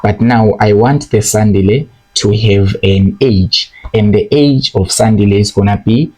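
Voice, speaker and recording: Young male coding tutor, lowish voice, patient step-by-step delivery with frequent check-ins. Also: a little slow, warm tone, low-quality recording. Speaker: programming tutor. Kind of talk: screen-recorded coding lesson.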